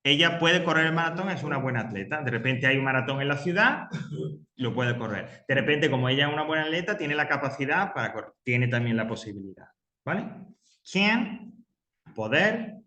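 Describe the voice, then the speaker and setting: A man's voice: mid-range voice, lively intonation, a little fast, bright, forceful tone, roomy sound. A man teaching English grammar to a class, patiently explaining and repeating example sentences. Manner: patient, repeats key points, reads example sentences aloud.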